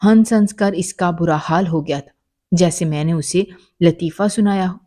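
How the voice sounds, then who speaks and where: Female storyteller, warm low voice, emotional first-person narration.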